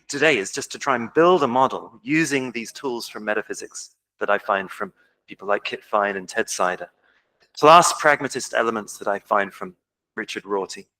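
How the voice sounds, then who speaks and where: With a sharp tone and medium pitch, this English conference speaker lectures casually in a lecture hall, peppering his self-deprecating remarks with ums. The recording is low quality.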